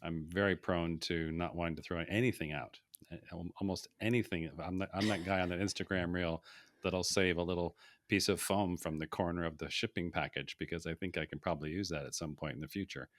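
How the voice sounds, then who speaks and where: Deep-voiced, thoughtful male guest. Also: steady tone, dry recording, clean studio sound. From Saudi Arabia. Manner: thoughtful, structured, with pauses and fillers. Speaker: guest, portfolio manager. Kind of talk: casual interview.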